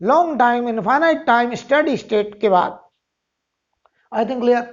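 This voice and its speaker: A man's voice: extremely high pitch, a little slow. Man teaching physics, dull lo-fi recording. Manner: keeps asking and answering rhetorical questions, repeats key phrases. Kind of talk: recorded classroom lecture. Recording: dull lo-fi sound.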